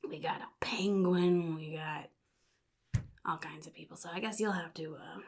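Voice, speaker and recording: A woman voicing a gleeful, chaotic comic-book supervillain in a soft, breathy ASMR roleplay, with a sly, theatrical drawl. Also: lowish voice, fairly even intonation, normal speed. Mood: advising, wry. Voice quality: breathy, whispery, husky.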